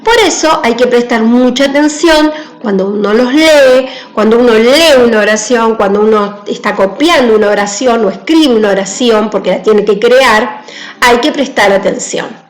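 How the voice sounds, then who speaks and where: A woman's voice: on the high side, normal speed, reverberant, low-quality recording. A woman teacher giving a grammar lesson, patient and careful, often checking in with her students. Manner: patient, repeats key points with "¿sí?".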